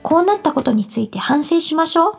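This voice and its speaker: A woman's voice: sits high, sing-song, fast talker, creaky, soft background music, voice pushed up, exaggerated voice. A woman voicing a strict but caring mother scolding her children in a storybook. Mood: stern. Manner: scolding, firm, instructive.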